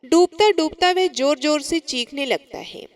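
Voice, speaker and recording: A woman narrating a devotional folk tale in an expressive, dramatic storytelling manner. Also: sits high, measured pace.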